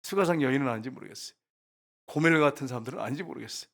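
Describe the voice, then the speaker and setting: A man's voice: medium pitch, rapid-fire, fairly bright tone. A man preaching a sermon as pastor, putting rhetorical questions to the congregation.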